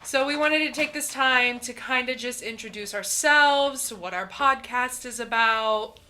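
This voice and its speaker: A woman's voice: on the high side, unhurried, pushed and bright. A woman in her twenties from Indiana, co-hosting a podcast in casual chat, blunt and laughing with frequent ums. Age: 20s. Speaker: podcast co-host.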